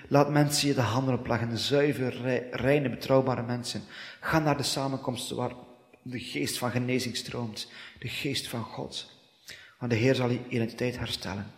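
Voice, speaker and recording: Fervent preacher man in an echoing hall. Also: medium pitch. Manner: fervent, repetitive, rising to loud declarations; breaks into speaking in tongues. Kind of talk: prophetic sermon and prayer. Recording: long echoing hall reverb.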